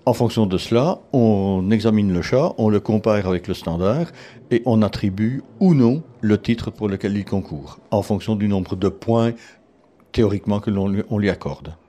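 A man from Belgium with a lowish, dark, mellow voice, explaining things as a cat show judge in an interview. He speaks in a measured, methodical way, often restarting his phrases. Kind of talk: interview answers.

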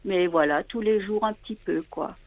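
A woman speaking as a guest over a low-quality phone line into a radio show, hesitant and trailing off with filler words. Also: normal speed, darkish tone. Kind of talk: casual phone interview. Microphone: telephone. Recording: muffled lo-fi phone audio.

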